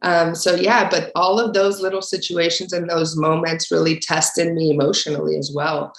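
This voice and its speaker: A woman's voice: fairly low pitch, little pitch movement, normal speed. Earnest woman in a roomy space. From Mexico. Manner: earnest, many fillers, speaks up on key points. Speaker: guest, basketball referee. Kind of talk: casual interview answers. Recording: roomy echo.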